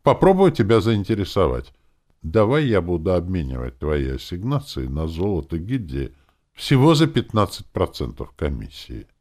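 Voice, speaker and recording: A man's voice: low voice, wildly swooping pitch, normal speed, darkish tone, exaggerated voice. A man reading an audiobook, voicing a cautious, businesslike young woman who works as a guild clerk. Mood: haggling.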